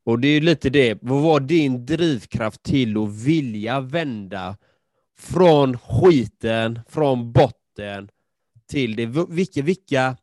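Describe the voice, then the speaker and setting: A man's voice: medium pitch, animated, a little mellow, no room sound, studio quality. A man hosting a podcast interview, asking probing questions and searching for words as he goes. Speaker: podcast host.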